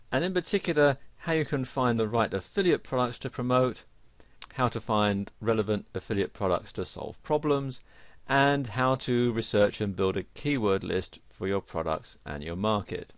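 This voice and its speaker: A man reading a scripted instructional narration for an online course, with a lively, emphatic delivery. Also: medium pitch, normal speed, no room sound.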